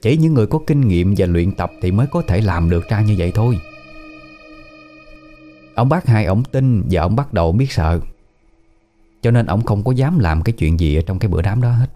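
A man's voice: on the low side, lively intonation, fairly quick, pauses often, mellow, soft background music. A man with a Southern Vietnamese accent narrating a family ghost story in a plain, conversational way. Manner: plain conversational retelling with southern colloquial words.

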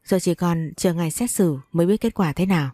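A woman voicing a calm young businessman in an audiobook story, who speaks in a measured, matter-of-fact way. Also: fairly low pitch, dry recording, clean studio sound, close to an everyday voice.

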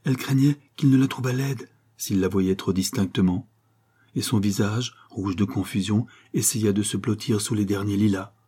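A man reading a literary story aloud as narrator, measured and expressive. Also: on the low side, slightly rough.

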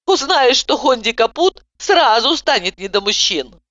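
Female reader as a prying girlfriend, high lilting questions, dull dry sound. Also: very animated, unhurried, a bit bright. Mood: nosy. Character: curious, nosy female friend, chatty.

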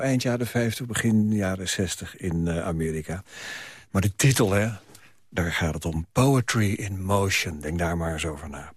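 A man hosting a radio show, talking in a relaxed, hesitant way. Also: medium pitch, no echo, studio quality. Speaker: radio host. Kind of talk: casual radio presenting.

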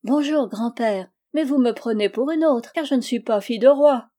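Une femme qui joue une jeune femme endeuillée et dévouée à ses frères, d'un ton suppliant et ému. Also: female voice, on the high side, normal speed, dark tone, voice pushed up, close to an everyday voice. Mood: determined. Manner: pleading, emotional. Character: grieving young woman, devoted sister.

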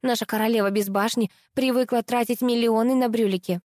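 A woman voicing a naive, whiny young blonde beauty contestant who squeaks and complains. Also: steady tone, a little fast, darkish tone, dry recording, studio quality, close to an everyday voice. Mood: taunting. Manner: whining, squeaky.

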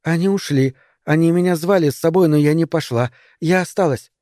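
A man voicing a quiet, devoted young girl who speaks in a flat, colourless voice. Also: low-pitched, a little fast, no echo, studio quality, voice pushed up, close to an everyday voice.

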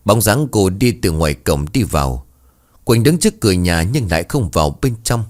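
Low-voiced man narrating a ghost story. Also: normal speed. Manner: expressive storytelling.

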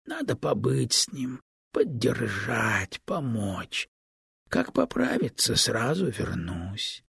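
A man reading an audiobook, voicing a sly, evasive male serpent who speaks in a low, measured and sometimes hushed way. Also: very animated, creaky, husky, no echo, studio quality, heavily acted. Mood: calm, sly. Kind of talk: audiobook character voice.

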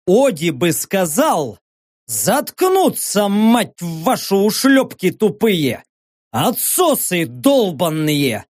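Guy doing a tough cussing commander barking orders, slow and punchy, dry sound. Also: very high-pitched, big pitch swings, dry recording, pitched above the performer's own voice, exaggerated voice. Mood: angry. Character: foul-mouthed tough male commander.

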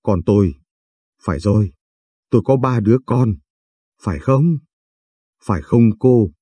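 A man's voice: fairly low pitch, lively intonation, unhurried, dark tone, husky, no echo. A man reading the lines of a frightened, confused old woman patient who pleads and stammers.

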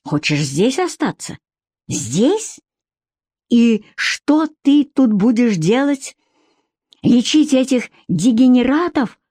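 A jealous adult husband full of contempt, mocking and snapping in anger, as a woman reader puts him on. The delivery is unhurried, and the sound is dry and close, with no room around it. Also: very high-pitched, big pitch swings, darkish tone, husky, no echo, voice pushed up, full character voice. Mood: scornful.

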